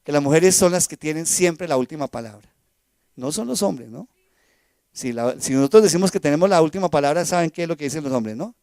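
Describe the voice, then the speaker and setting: A man preaching a sermon in church, swinging between loud emphasis and soft asides and asking the congregation questions. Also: fairly high pitch, expressive, brisk, no room sound. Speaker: pastor. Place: church sanctuary.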